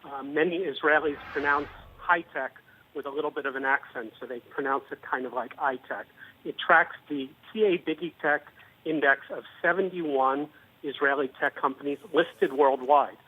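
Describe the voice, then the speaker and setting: A man being interviewed as a guest analyst on a business news show, explaining at a measured pace with some fillers. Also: a little high, slight background noise. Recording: tinny phone-line audio.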